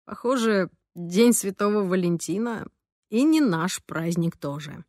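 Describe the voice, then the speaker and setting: A woman voicing a good-natured teenage boy who speaks low and subdued. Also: expressive, measured pace, darkish tone, no room sound, studio quality, close to an everyday voice. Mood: hurt.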